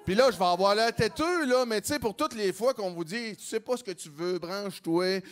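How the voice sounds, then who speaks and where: A man with a Québécois French accent performing a stand-up comedy routine, animated and jumping into quoted voices. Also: a little fast. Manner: animated, acts out quoted voices with big pitch jumps.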